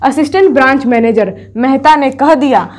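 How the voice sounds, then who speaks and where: A woman with a high-pitched voice teaches an online class and walks students through a story chapter step by step. She goes over each point twice, poses quick rhetorical questions and then answers them herself. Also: a little mellow. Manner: addresses students directly, telling them to take screenshots.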